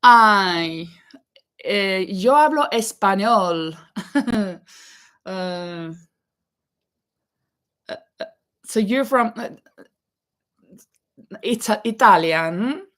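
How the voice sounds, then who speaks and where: Very slowly and with long pauses, a native Norwegian speaker from Norway talks in an expressive, medium-pitched, slightly bright voice. She's crocheting live from her home craft room, laughing easily as she reads comments and counts stitches out loud in a relaxed chat.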